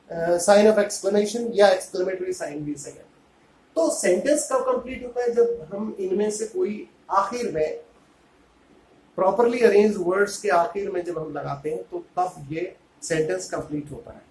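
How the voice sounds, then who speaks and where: A man teaching a grammar lesson, saying English phrases slowly and deliberately and then explaining them in Hindi. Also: high voice, a little mellow, a little hiss or hum. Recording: echoey room.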